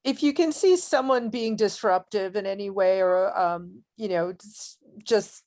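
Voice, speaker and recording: A woman on tournament staff giving relaxed, practical advice in a casual meeting. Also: medium pitch, measured pace. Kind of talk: casual Q&A on a video call.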